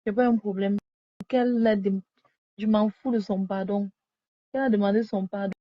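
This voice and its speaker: In a repetitive live video monologue, a woman scolds her viewers while lying at home, talking into a phone she has set aside. She speaks at medium pitch and a moderate pace, her intonation fairly even. There's no echo, though the phone audio is dull and lo-fi.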